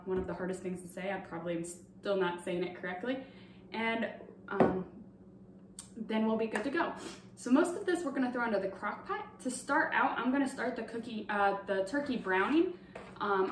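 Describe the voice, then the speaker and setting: A woman's voice: mid-range voice, a little hiss or hum. Young woman, cooking demo, chatty with fillers, roomy kitchen sound, distant camera mic. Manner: chatty, explains each step with many fillers. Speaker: cooking demonstrator. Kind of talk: casual cooking demonstration. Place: home kitchen, indoors. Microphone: far camera on a tripod.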